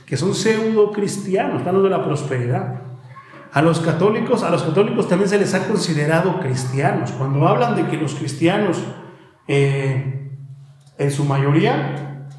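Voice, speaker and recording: A man's voice: a little high, darkish tone, a little hiss or hum. A man with a Mexican Spanish accent preaching a sermon in an emphatic way, asking rhetorical questions and shifting his pace. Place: church hall. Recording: very echoey church hall.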